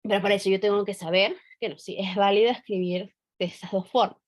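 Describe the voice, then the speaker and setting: A woman's voice: medium pitch, fairly even intonation, fast. Chatty woman teacher. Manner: conversational, frequent fillers and tag questions. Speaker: English teacher. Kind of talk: online teacher training talk.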